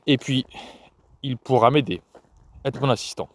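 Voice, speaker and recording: A man's voice: mid-range voice, moderate pace, natural voice. A man playing a cold, stern father who speaks curtly and firmly. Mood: angry. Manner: curt, firm, expressionless.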